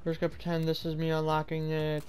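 Excitable high-voiced young gamer guy. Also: fast, clean tone. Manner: excitable and profane, bursts of hype. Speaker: gaming video host. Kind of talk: casual gameplay commentary.

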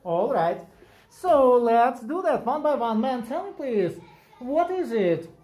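A woman English teacher leading a class of young children, giving slow repeated prompts and quick praise. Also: on the high side, sing-song, warm tone, reverberant.

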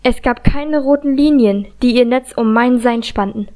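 A woman with a high voice reads a first-person fantasy audiobook. Her delivery is tense and dramatic, and she carries the action forward steadily. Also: normal speed, a little mellow. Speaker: audiobook reader.

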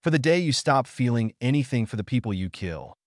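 A man voicing a calm, kind adult ninja teacher in a storybook reading, with a gentle, comforting delivery. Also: medium pitch, a little fast, no echo, clean studio sound, lightly acted.

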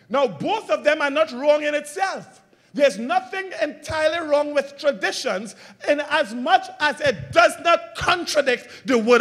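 There's a breathy edge to this pastor's voice as he preaches, moving between loud, forceful statements and hushed, low ones. He draws the congregation in with call-and-response questions.

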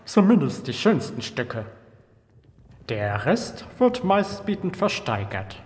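Smug rival treasure hunter male actor, film dub, highish voice, lively and mock-polite, with reverb. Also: slow. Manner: mock-polite, sneering, theatrical. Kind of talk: amateur film dub acting.

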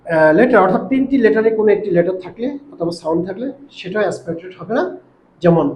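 A man from Bangladesh teaching a classroom lesson, explaining step by step with pauses and fillers as he searches for words. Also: high voice, a little mellow. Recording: echoey room with faint noise.

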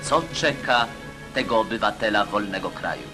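A man's voice: on the low side, lively intonation, moderate pace. A man narrating an old newsreel in a declamatory, emphatic propaganda delivery. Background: music.

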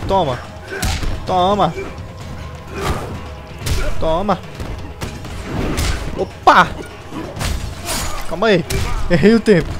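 A Brazilian Portuguese-accented man offers casual gaming commentary in a high-pitched voice, speaking very slowly with frequent pauses. Excitable, he yelps, groans and cracks jokes at the game while loud game music plays behind him.

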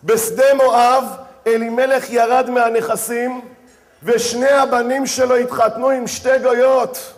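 A man's voice: very high voice, flat delivery. A man, a rabbi, giving a sermon, speaking straight to his audience and telling the story with dramatic voiced asides.

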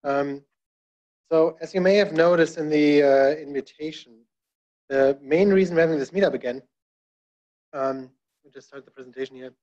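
At a tech meetup, a man speaks from a podium in a dark presentation room, giving a conversational talk full of fillers and wry asides. His voice is on the high side and a little mellow, with a moderate pace and long pauses. The recording is dull lo-fi room sound.

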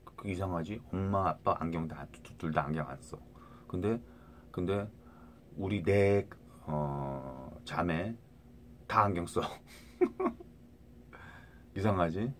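A man's voice: low voice, slow pace, pauses often, a bit bright, slight background noise. A middle-aged man talking to viewers into a phone in a rambling casual monologue, restarting words and often asking "right?".

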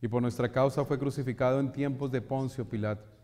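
Mellow priest in cathedral echo. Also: male voice, medium pitch, fairly even intonation. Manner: solemn, measured, leading the congregation's responses. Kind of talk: liturgical preaching and prayer. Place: large church. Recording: long church reverb.

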